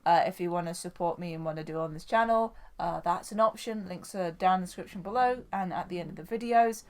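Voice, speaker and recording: A woman's voice: lowish voice, quick pace, darkish tone. A woman hosting a casual podcast chat, talking in an enthusiastic, rambling way. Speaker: podcast host.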